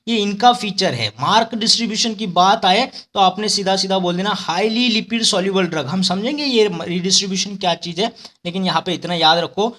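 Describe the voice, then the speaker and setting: A man's voice: high voice, a little fast, bright, forceful tone. A man teaching pharmacology for exams, explaining step by step with memory tricks and often checking in with his listeners. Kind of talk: exam-prep lecture with memory tricks.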